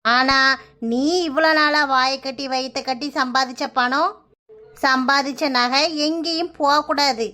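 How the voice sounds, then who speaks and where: A woman's voice: high-pitched, steady tone, unhurried, bright, forceful tone. A woman voicing a kindly older village woman in a cartoon, reassuring in a Kanyakumari Tamil accent. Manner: soothing, reassuring.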